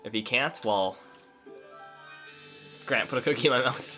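A man's voice: medium pitch, measured pace, pushed and bright, faint music behind. A man co-hosting a let's play, chatting casually and jokily while he plays, rambling with lots of "like"s. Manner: jokey, chatty, rambling with many "like"s. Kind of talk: casual gameplay chat.

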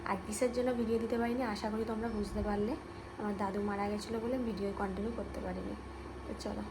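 A woman, a new mother, chatting casually to her viewers as friends in a home vlog, talking softly so she won't wake her baby. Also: medium pitch, noisy background. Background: background music.

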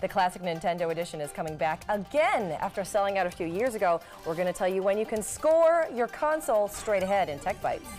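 A woman's voice: mid-range voice, animated, brisk, hardly any pauses, darkish tone, faint music behind. A woman anchoring a local morning newscast, reading stories and joking playfully with her co-anchor. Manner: playful, laughing aside with co-anchor. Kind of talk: live newscast reading and banter.

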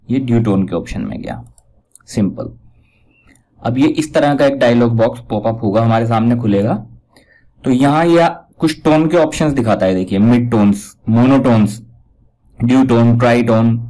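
A man giving a casual step-by-step software tutorial, pointing out each step as he goes. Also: medium pitch, low-quality recording. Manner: talks step by step, repeats "dekhiye" while pointing things out. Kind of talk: casual screen-recorded tutorial.

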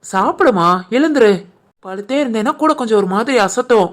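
A woman voicing a protective older mother-in-law in an animated family cartoon, firm and scolding, with a Tirunelveli Tamil accent. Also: fairly high pitch, brisk, natural voice. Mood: tender. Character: caring older mother-in-law, protective, stern with her daughter.

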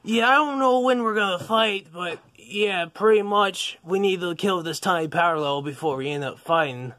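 A man's voice: sits high, normal speed, bright, forceful tone. A man voicing Vegeta, a proud, hot-tempered alien warrior, in a casual improvised toy-figure video, rambling, swearing and stammering. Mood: excited. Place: basement.

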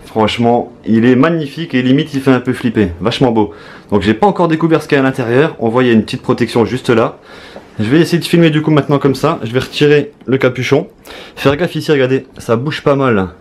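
A young man with a French accent, chatting excitedly to viewers as he unboxes a collector's set. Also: mid-range voice, brisk, a little hiss or hum. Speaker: YouTuber. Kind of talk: casual unboxing commentary.

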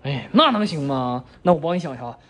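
Woman playing a cheeky, bumbling boyfriend, lively pitch. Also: fast talker. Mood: cheeky, coaxing. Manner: bumbling, stammering, giggly. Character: cheeky, eager young childhood friend playing fake boyfriend. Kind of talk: casual comedy skit.

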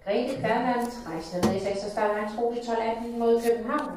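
A woman's voice: on the high side, fairly even intonation, moderate pace. A woman airline announcer making an airport announcement over the public address system. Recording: echoey distant airport PA, clear noise.

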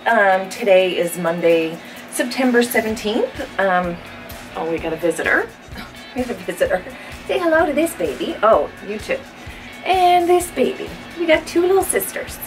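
A woman's voice: medium pitch, big pitch swings, moderate pace, far from the mic, soft background music, poor audio. Chatty woman vlogging from her bedroom. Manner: chatty, frequent "um" fillers, upbeat. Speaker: fitness vlogger and personal trainer. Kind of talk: casual vlog chat to camera. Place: bedroom with a walk-in closet, indoors.

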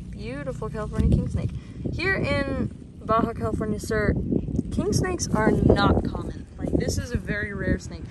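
A young woman talks eagerly into a phone held at arm's length, out in the open desert. Her voice sits at a middle pitch and she sounds amazed, rattling off quick asides. The outdoor recording carries a clear layer of background noise. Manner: excited and amazed, fast chatty asides. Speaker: herping vlogger. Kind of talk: casual outdoor nature vlog.

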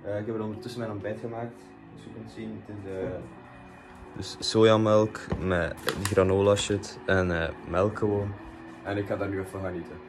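A man's voice: lowish voice, little pitch movement, moderate pace, over music. A young man with a Flemish accent chatting casually to his vlog in a laid-back, slangy way, sprinkling in English words, recorded on a phone at arm's length. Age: young adult. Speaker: vlogger. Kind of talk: casual daily vlog chat.

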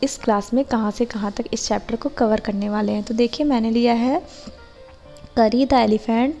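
A woman with an Indian accent explaining a lesson plan step by step, reading English example lines slowly and carefully. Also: fairly high pitch, mellow. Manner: reads quoted English lines very slowly and deliberately. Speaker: teacher-training tutor. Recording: muffled with long reverb, music behind.

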